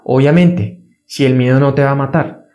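A man's voice: fairly even intonation, moderate pace, warm tone. A man giving an earnest motivational self-help talk, repeating key phrases for emphasis. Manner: earnest, repetitive, acts out a fearful inner voice in a higher pitch. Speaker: motivational speaker.

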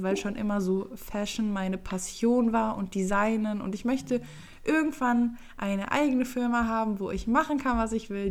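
A woman in her twenties from Düsseldorf, co-hosting a podcast and telling stories in a chatty, playful way. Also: mid-range voice. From Düsseldorf, Germany. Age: 20s. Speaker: podcast co-host. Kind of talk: casual chat, storytelling.

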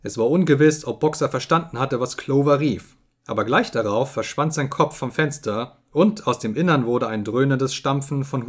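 Man, audiobook narrator, calm, measured, mid-pitched voice. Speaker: audiobook reader.

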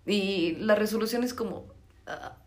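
A woman's voice: fairly low pitch, moderate pace. A young woman with a Mexican accent who has just woken up, chatting animatedly and using lots of slang on her podcast. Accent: Mexican Spanish. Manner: animated, slangy, gasps and exclaims. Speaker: podcast host. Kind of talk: casual chat, series review.

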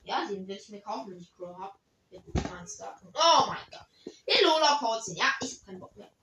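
A young woman chatting casually and excitedly while playing a game with a friend, full of quick exclamations. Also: medium pitch, echoey room. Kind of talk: casual gaming chat.

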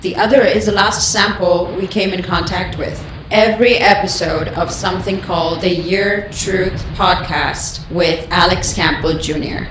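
A man's voice: high-pitched, fairly even intonation, unhurried, few pauses. A man voicing a disappointed alien lizard emissary who makes formal proclamations that slip into casual slang, heard as a distant broadcast. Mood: solemn. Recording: echoey, distant broadcast with loud background noise.

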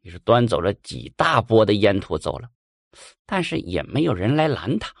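Spinning a folk ghost tale in lively, everyday speech, this man moves his pitch through wide rises and falls. He keeps a moderate pace with some vocal fry, recorded dry and close to the microphone.

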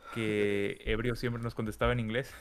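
A man's voice: medium pitch, level tone, normal speed, clear, resonant tone. A man co-hosting a podcast, chatting casually and talking straight to the listeners. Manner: conversational, addresses listeners directly. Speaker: podcast co-host. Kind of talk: casual chat.

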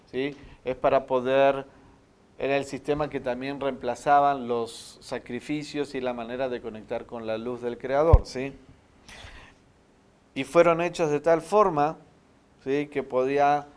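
A man's voice: mid-range voice, smooth. A man teaching a spiritual meditation class, explaining step by step and often checking with the students.

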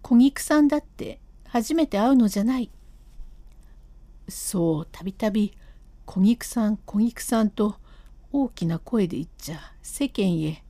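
A woman's voice: expressive, measured pace, warm tone, no room sound, close to an everyday voice. A woman voicing an older male master painter who keeps apologizing yet refuses to give in, in a storybook reading of a classic comic tale. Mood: pleading. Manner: lowered voice, pleading and firm by turns.

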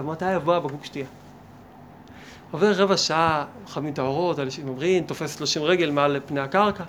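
High-voiced, animated male rabbi teaching. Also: a little hiss or hum. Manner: animated, asks many rhetorical questions and acts out imagined dialogues. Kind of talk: lively Torah lesson.

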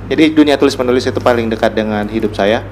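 This man, a writer and podcast guest with a Gorontalo Indonesian accent, talks fast in a mid-range voice during a casual conversational interview. He explains reflectively and searches for his words, and the recording has noticeable room noise and ambience.

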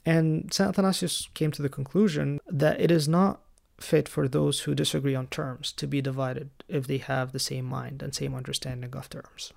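A man hosting a solo teaching podcast, explaining church history in a calm, lightly wry way. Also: medium pitch. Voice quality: gravelly. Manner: raised in the Coptic Orthodox Church. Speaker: podcast host.

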